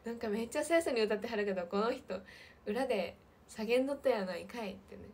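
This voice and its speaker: A fairly high, breathy young woman with a light lilt talks casually to viewers on a livestream. She is chatty and answers comments, often dropping into soft near-whispers. The mic is close and she sounds relaxed. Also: fast. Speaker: idol livestream host.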